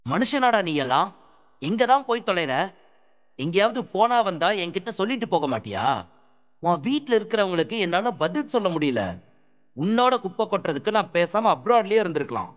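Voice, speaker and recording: A man playing a hot-tempered young man who scolds his friend loudly and in exasperation, but cares, with music in the background. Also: high-pitched, very animated, dull audio. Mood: angry. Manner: loud, exasperated, rapid-fire scolding. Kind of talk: audiobook drama acting.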